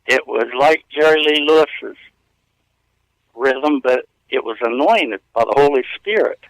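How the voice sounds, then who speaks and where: In a poorly recorded radio interview, a man in his fifties shares stories from a hotel room, rambling earnestly and chuckling a lot. His voice is mid-range and measured in pace, with no room sound.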